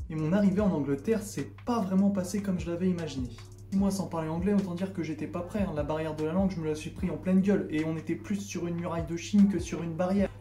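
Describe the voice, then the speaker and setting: A man's voice: fairly high pitch, dark tone. A young man from France giving a comic vlog monologue in a sarcastic, mock-indignant way. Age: young adult. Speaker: vlogger. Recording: echoey room, faint background music.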